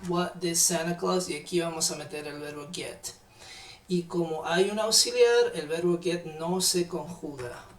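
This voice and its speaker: A man teaching English in a live online class, patiently repeating phrases slowly. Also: fairly high pitch, recorded from a distance. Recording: echoey room, off-mic.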